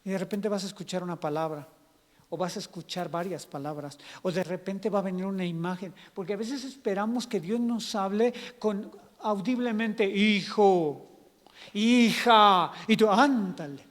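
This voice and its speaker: A pastor, preaching conversationally and acting out scenes in a church hall. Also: male voice, high-pitched, fairly even intonation, moderate pace, darkish tone. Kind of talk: sermon.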